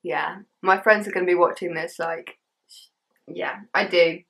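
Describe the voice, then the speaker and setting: A woman's voice: lowish voice, fairly even intonation, measured pace, gravelly, a bit bright. Chatty young English woman, slangy and informal. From England. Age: young adult. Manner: informal British teen slang, chatty, frequent "like". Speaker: social media creator. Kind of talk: casual chat to camera, reading out and answering assumptions.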